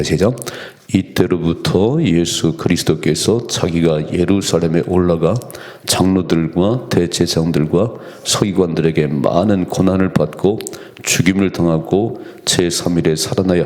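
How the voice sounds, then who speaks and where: A man's voice: sits low, a little mellow. A man preaching an early-morning prayer sermon as pastor, earnest, lifting his voice when he acts out quoted lines.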